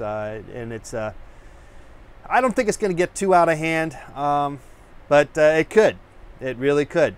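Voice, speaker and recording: A man hosting his own painting show, chatting casually to camera in a rambling way, full of fillers and restarts, searching for words and wired on coffee. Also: medium pitch. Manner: self-searching, hunts for words; rousing, pep-talk delivery. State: over-caffeinated.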